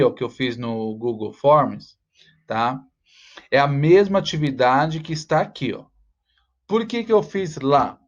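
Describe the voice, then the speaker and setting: A man teaching a class, walking students through a task with frequent "tá?" check-ins and slowing down to spell out the rhymes. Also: medium pitch, dull audio. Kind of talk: online class walkthrough.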